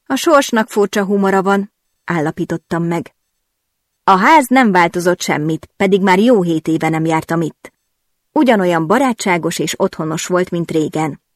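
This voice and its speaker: A woman narrating a first-person novel in a lively, expressive way. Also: fairly low pitch, dry recording, clean studio sound. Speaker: audiobook narrator.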